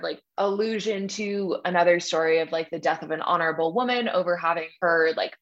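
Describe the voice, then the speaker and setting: A young woman tells a story with lively, slangy enthusiasm, her pitch sitting a bit low. Her voice comes through dull and lo-fi, with the highs muffled. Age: young adult. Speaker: podcast guest, graduate student. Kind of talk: casual chat.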